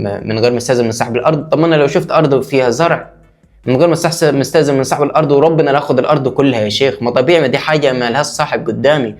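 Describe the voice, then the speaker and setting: A man with an Egyptian Arabic accent giving mock-indignant comedic commentary in a sarcastic tone. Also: medium pitch.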